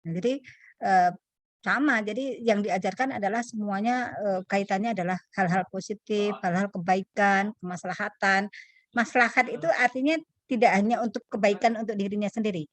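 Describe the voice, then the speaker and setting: A woman speaking as a webinar panelist, explaining earnestly and pausing often with hesitation fillers over a video call. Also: medium pitch, steady tone, dry recording.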